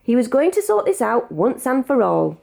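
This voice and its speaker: A woman with a British accent reading a children's picture book aloud in an expressive, measured storytelling manner. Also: on the high side, gravelly. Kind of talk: read-aloud storybook narration.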